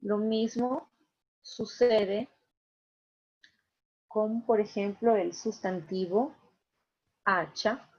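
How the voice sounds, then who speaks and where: Slow-talking husky woman teacher. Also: mid-range voice, steady tone. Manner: patient, explains step by step, often asks "¿cierto?". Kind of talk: online class lecture. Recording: dull lo-fi recording.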